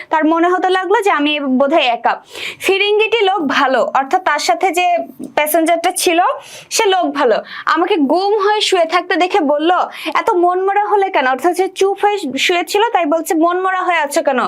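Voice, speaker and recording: A young woman teaching an exam-prep literature lesson. She reads lines from the text aloud, then explains them and asks her students questions. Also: very high voice.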